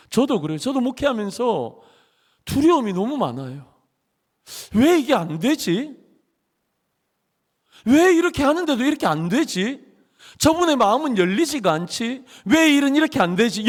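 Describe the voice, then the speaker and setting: A man preaches from the pulpit with a high, highly animated voice that swoops as he acts out inner worries and God's reassurance. His words ring out with the long reverb of a church hall. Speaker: pastor. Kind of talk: sermon. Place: church sanctuary.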